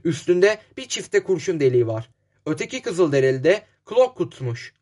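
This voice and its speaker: A man doing a breathless, shouting village grocer. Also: on the high side, very animated, normal speed.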